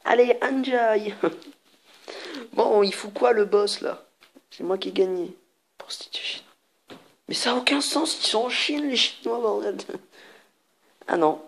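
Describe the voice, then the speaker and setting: A woman plays an online party card game on her channel, reading cards aloud in let's play commentary, laughing often and making crude jokes. Her voice is on the high side, slow, creaky, and slightly rough, with frequent pauses.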